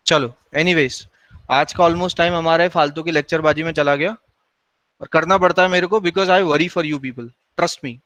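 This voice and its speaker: Male lecturer, slightly high voice, slow and deliberate, dry sound, lecturing students in class. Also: fairly bright tone, no echo, rough recording. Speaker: university lecturer. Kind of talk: classroom lecture in mixed Hindi and English.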